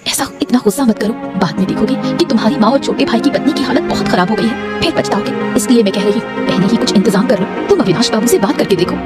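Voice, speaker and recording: A woman's voice: fairly high pitch, fast, few pauses, lightly acted. A woman voicing a caring, worried young wife in a cartoon, pleading and anxious. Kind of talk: cartoon voice acting. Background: background music.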